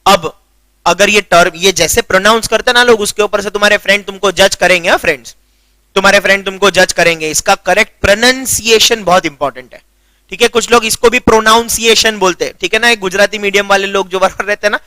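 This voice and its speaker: A man's voice: high voice, fairly even intonation, fast, pushed and bright, no room sound. A young man with a Gujarati accent, a commerce tutor giving a chatty classroom lecture and often checking that students understand. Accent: Gujarati-accented Hindi. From Gujarat, India. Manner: chatty, keeps checking understanding, mixes English terms.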